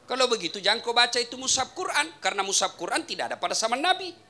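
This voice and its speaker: A man's voice: very high voice, very animated, very fast, pushed and bright. A man preaching a humorous sermon at a religious gathering in a home, teasing the crowd and firing questions at them. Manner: teasing, quizzes the audience.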